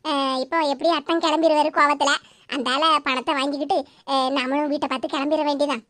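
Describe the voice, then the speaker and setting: A woman's voice: extremely high pitch, a little fast, fairly bright tone, dry recording. A woman voicing a sly, scheming younger sister in a cartoon, coaxing and mock-tearful, with a Tirunelveli Tamil accent. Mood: scheming aside.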